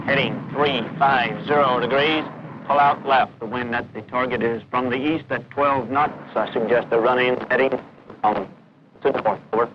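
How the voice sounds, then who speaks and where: A man's voice: medium pitch, fairly even intonation, normal speed. A young man as a methodical Marine radio operator, giving clipped military calls over a field radio. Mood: businesslike. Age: young adult. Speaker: marine forward air controller on radio. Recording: dull vintage film, noisy radio and vehicle.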